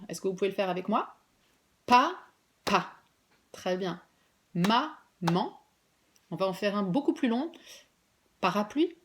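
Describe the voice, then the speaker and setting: A woman preschool teacher giving a remote lesson to parents and children, patiently clapping out syllables and stretching words slowly. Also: medium pitch.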